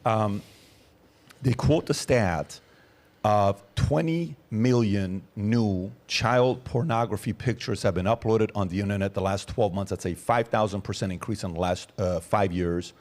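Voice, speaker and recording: A man's voice: on the low side, measured pace, darkish tone. A man in his forties hosting a podcast, building long questions with many fillers before he asks. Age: 40s. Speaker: podcast host. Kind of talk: interview questions.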